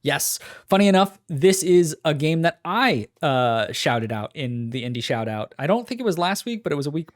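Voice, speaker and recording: A man co-hosting a casual games podcast, talking in a loose, animated way with many fillers. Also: a little high, normal speed, few pauses. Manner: animated, laughing, trailing off into fillers. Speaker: podcast co-host. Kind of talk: casual chat.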